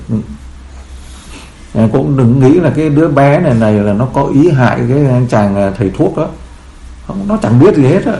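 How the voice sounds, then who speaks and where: A man's voice: medium pitch, gravelly, mellow. A man as a Buddhist teacher giving a sermon, telling stories in a rambling way with many fillers, in a roomy echo.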